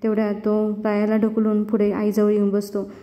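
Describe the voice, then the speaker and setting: In this dull lo-fi clip with long reverb, a woman tells the story of a TV serial episode, quoting the characters' dialogue in an acted way. She speaks at a moderate pace in a medium pitch, with an entirely flat delivery.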